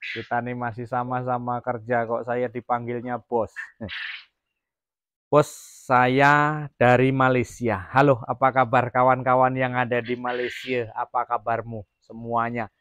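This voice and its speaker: A man's voice: medium pitch, flat delivery, unhurried, a bit bright, clean tone, dry recording, dull audio. A man from Jambi, Indonesia, running a casual farm vlog about raising quail, rambling with many fillers and restarts. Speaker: quail farmer vlogger. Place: quail farm, near the cages.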